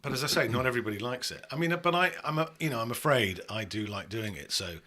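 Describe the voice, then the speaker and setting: Male voice-over actor from England, lively husky voice, bright tone, self-mocking chat. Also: medium pitch, fast talker. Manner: animated storyteller, self-mocking, laughs often. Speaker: voice-over actor and audiobook narrator. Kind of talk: casual chat.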